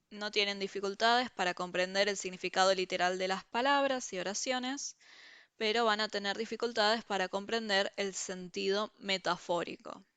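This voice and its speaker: In a dry recording, a woman with a mid-range, slightly bright, clean-toned voice teaches a university review class over video call. Her manner is explanatory, going step by step and frequently checking understanding with "¿sí?"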